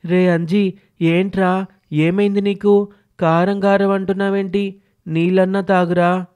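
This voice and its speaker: A man doing a caring, high-voiced village boy. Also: level tone, measured pace, darkish tone, clear, resonant tone. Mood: concerned. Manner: coaxing, earnest, calling out. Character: kind, caring young village boy friend. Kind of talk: storybook cartoon voice acting.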